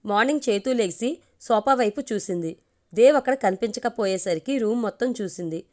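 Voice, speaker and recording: A woman storyteller reading a romantic family story aloud in a steady, even manner. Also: medium pitch, fairly quick.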